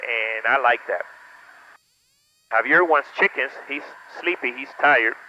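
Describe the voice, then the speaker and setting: A man's voice: mid-range voice, unhurried, bright, forceful tone, highs cut off, a little hiss or hum. Give me a man on a pilot's cockpit headset, chatting loosely. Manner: rambling, many "uh" fillers. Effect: pilot cockpit headset intercom. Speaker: pilot and vlog host. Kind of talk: casual vlog talk while flying. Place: small plane cockpit in flight. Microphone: aviation headset boom mic.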